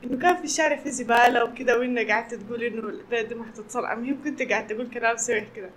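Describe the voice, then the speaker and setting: Woman, Sudanese Arabic accent, casual conversation, extremely quick pace, faint noise behind. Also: fairly high pitch. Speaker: employee and conversation partner.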